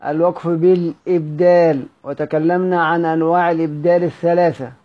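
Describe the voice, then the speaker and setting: Egyptian-accented male teacher, higher register, repetitive quizzing delivery; muffled lo-fi recording. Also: level tone, fairly quick. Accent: Egyptian Arabic. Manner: repeats key words, quizzes listeners with rhetorical questions. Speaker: Quran recitation teacher. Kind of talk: Egyptian Arabic lesson on recitation rules.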